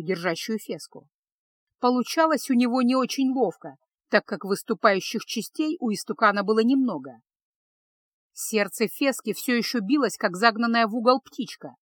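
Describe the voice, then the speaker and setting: A woman narrating a fantasy story in a steady, measured reading voice. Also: a little high, no echo, clean studio sound. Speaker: audiobook narrator.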